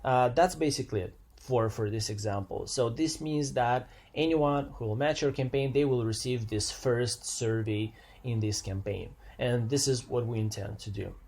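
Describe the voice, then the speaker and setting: Walking through some software without a script, a man with a medium-pitched voice explains things step by step, slightly hesitant and prone to repeating phrases.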